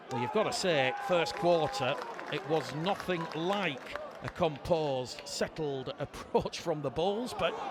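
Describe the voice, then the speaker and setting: High-voiced guy calling rugby live, loud crowd roaring behind him. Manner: rises to excited shouting on scoring plays. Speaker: commentator. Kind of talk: live rugby league commentary. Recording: loud crowd and stadium noise. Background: crowd noise.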